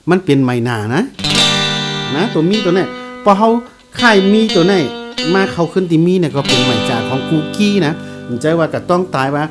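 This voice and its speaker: A man giving a casual guitar lesson, explaining slowly and repeating note names as he plays. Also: fairly high pitch, lively intonation. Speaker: guitar teacher. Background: guitar played along.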